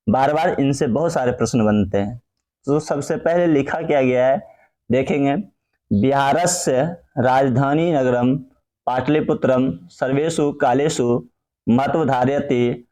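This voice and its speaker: A man's voice: medium pitch, warm tone. A male teacher, explaining a lesson step by step in an online class and repeating key phrases.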